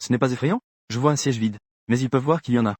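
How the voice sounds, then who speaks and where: A man's voice: mid-range voice, quick pace, darkish tone, no echo, natural voice. A man reading the lines of a playful, teasing teenage girl in a comic dub, in his own voice. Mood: earnest.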